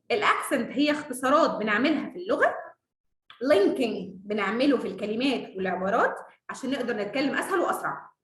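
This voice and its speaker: Egyptian lady teaching english, quick talker, confident and laughy, echoey room. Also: high voice. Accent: Egyptian Arabic. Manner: confident, lively, laughs often. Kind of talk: casual online lesson.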